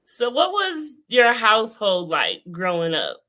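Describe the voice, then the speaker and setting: A woman hosting a casual online interview, unhurried and quick to laugh. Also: on the high side, huge pitch swings, pushed and bright. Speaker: host.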